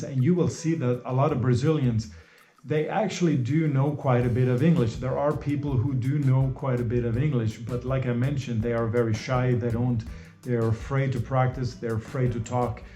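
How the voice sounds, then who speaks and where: A Norwegian man hosts a casual advice monologue in a mellow, medium-pitched voice. His speech is loose and repetitive, full of "you know" and restarts. The room sounds echoey.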